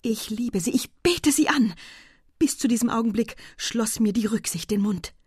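A woman's voice: fairly high pitch, lively intonation, moderate pace, breathy edge, no echo, clean studio sound, voice pushed up. A woman reading aloud, voicing an ardent young man who talks eagerly and persuasively in a storybook.

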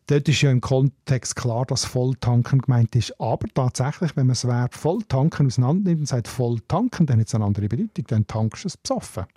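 A Swiss man with a mellow, dark-toned voice, speaking in the relaxed, explanatory way of a linguist on a radio talk show. He keeps asking "oder?" at the end of his points, and his voice sounds close and dry. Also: mid-range voice, brisk, hardly any pauses, breathy edge, no room sound. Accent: Swiss German. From Switzerland. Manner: explanatory, often ends with a questioning "oder?".

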